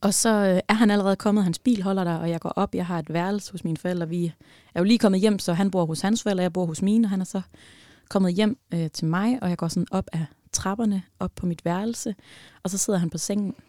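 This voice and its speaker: A woman telling a personal story in casual podcast chat, animated and swinging between loud bursts and near-whispers. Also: mid-range voice, no room sound, studio quality.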